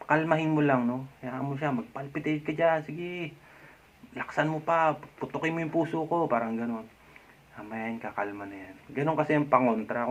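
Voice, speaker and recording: A man in the middle of his range talks through casual advice like a friend, with plenty of checking-in tag questions and the odd soft chuckle. The recording sounds muffled and lo-fi. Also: medium pitch. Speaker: vlogger. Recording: dull lo-fi sound.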